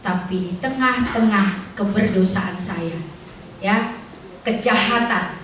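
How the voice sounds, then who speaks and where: A woman's voice: mid-range voice, slow, a bit bright, distant mic, slight background noise. A middle-aged woman preaching an informal sermon at a prayer fellowship, chatty and colloquial, mixing in personal stories and questions to the congregation. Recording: echoey hall, voice picked up from afar.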